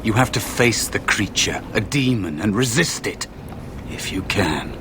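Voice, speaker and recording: An actor playing a wary, sorrowful spirit of a lost young apprentice in a fantasy video game, hesitant and cautionary. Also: male voice, on the low side, expressive, a little slow, noisy background.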